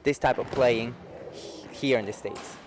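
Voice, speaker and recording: At an indoor futsal facility, a youth coach from Peru in his forties gives a local cable TV interview, keeping his explanations simple and often asking "okay?". His medium-pitched voice is unhurried with fairly even intonation, and the background is noisy.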